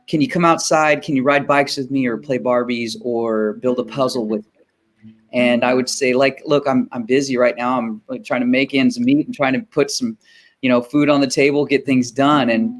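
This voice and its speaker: Rambling man telling a story. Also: medium pitch. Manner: rambling, with many fillers and restarts. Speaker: guest singer-songwriter. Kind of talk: casual storytelling chat.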